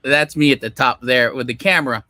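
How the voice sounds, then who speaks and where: A man's voice: medium pitch, brisk, pushed and bright, no echo. A middle-aged man from Los Angeles, a film director talking casually as a guest over a video call, rambling with many fillers. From Los Angeles, United States. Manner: rambling, many fillers, self-deprecating laughs. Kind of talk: casual interview talk.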